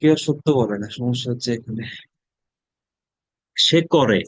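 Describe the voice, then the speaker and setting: A man's voice: medium pitch, a little slow, husky, no room sound, low-quality recording. A man with a Bangladeshi accent teaching a spoken English class. He drills words aloud and repeats them. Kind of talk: classroom lesson.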